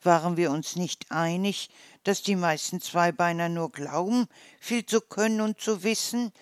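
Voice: mid-range voice, measured pace, clean tone, dry recording, clean studio sound, close to an everyday voice. A storyteller voicing a small, curious, naive hedgehog who asks wondering questions.

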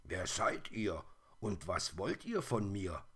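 A man voicing a curious, gentle little bear cub in a storybook reading, speaking earnestly and wonderingly. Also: low-pitched, big pitch swings, slow, breathy edge, full character voice. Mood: puzzled.

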